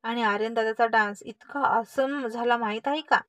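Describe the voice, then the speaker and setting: A woman's voice: fairly high pitch, moderate pace, dry recording, close to an everyday voice. A woman voicing a cheeky teasing little sister. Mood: excited. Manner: teasing, excited.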